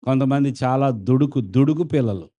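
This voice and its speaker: A pastor preaching a sermon, asking the congregation questions and acting out the quoted voices. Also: male voice, mid-range voice, normal speed, warm tone.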